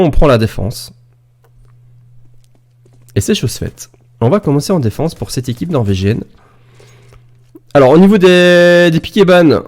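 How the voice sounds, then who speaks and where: Animated Belgian man casting esports live. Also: fairly high pitch. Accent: Belgian French. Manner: chatty, joking, talks straight to the chat. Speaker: esports caster. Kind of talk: live game commentary. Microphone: XLR studio microphone.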